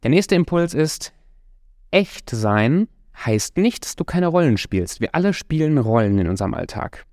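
A man's voice: fairly high pitch, sing-song, moderate pace, darkish tone, no echo, clean studio sound. A man giving a motivational talk as a coach, speaking directly and encouragingly to the listener and stretching his key words.

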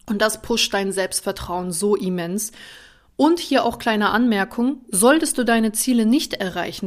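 An energetic woman coaches listeners through cold calling on her own podcast. She speaks directly and informally to the listener, pushing each point with motivating emphasis at a middle pitch. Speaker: podcast host, sales coach. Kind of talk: solo podcast coaching talk.

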